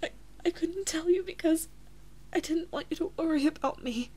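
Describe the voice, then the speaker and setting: Her voice pitched extremely high, a woman performs an intimate audio roleplay as a devoted, anxious big-sister princess and lover. She whispers breathily and haltingly, full of emotion, sounding terrified and pleading.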